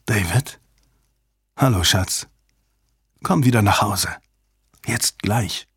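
Soft-spoken female cryptographer, husky; male reader doing her. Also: on the low side, slow pace, dry recording, clean studio sound, full character voice. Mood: tender. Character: shaken female cryptographer, fiancée.

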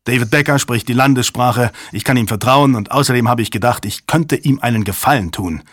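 A weary middle-aged commander justifies himself in firm, clipped sentences, played by a man close to his own voice. The tone is husky and the sound dry and close. It is an audiobook character part. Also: medium pitch, fairly quick, a bit bright, no room sound, close to an everyday voice. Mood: justifying. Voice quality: firm, justifying, slightly impatient.

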